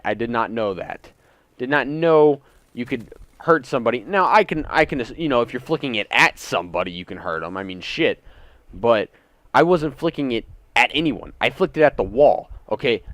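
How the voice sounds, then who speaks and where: In a dry recording made indoors at home, a young man in his teens or young adulthood speaks at medium pitch. He's telling an indignant, sweary story casually over gameplay for his gaming channel.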